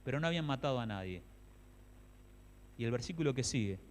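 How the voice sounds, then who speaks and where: A man with an Argentine accent preaching a sermon in a church, swinging from hushed pleading to loud outbursts. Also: medium pitch, animated, fast talker, a little hiss or hum. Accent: Argentine Spanish. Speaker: pastor. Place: church hall. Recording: echoey church hall.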